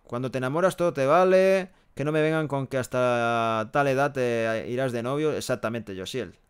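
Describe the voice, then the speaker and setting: Young man, from Barcelona, casual live-stream chat, headset mic, small room, smooth resonant voice, frank and talkative. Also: mid-range voice, normal speed. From Barcelona, Spain. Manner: chatty, frank, tags sentences with "¿eh?" and "¿no?". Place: small room with a pale green wall, indoors. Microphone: headset microphone.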